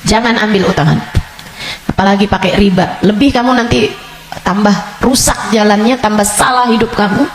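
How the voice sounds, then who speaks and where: A woman's voice: mid-range voice, normal speed, echoey room, low-quality recording. A woman preacher, giving a sermon with emphatic, repetitive exhortation. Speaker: Islamic preacher. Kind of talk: religious sermon.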